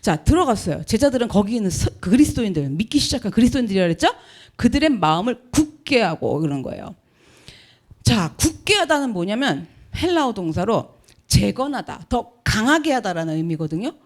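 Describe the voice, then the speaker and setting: A middle-aged woman pastor giving a sermon, animated, often acting out the voices of churchgoers and laughing as she talks. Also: mid-range voice, a little fast.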